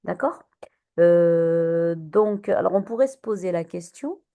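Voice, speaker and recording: Warm and mellow, her voice on the low side and animated, a female teacher runs a poetry class. She questions her students constantly and patiently, pausing with many hesitations and restarts, recorded in the room.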